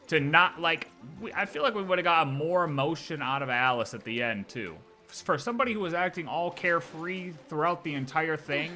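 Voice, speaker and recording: This livestreamer's voice sits on the high side, sounding pushed and bright. Reacting to game lore, he chats casually in a slangy, rambling way, repeating phrases for emphasis while he speculates about the story.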